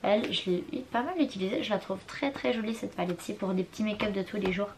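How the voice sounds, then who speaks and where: A young woman shows off her makeup palettes in a casual vlog, speaking quickly in a mid-range voice through a compact camera mic, with background noise. Chatty and unsure of product names, she apologizes for her pronunciation.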